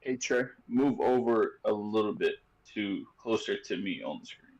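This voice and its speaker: A man's voice: on the low side, lively intonation, normal speed, a little mellow, muffled recording. A man hosting a sports podcast in loose, joking casual chat, full of fillers and restarts. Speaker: podcast host.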